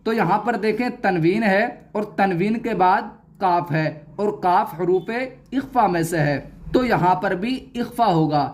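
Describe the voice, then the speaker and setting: A man's voice: sits high, a little slow. A man teaching Quran reading in a recorded lesson, patiently spelling out each syllable and repeating it.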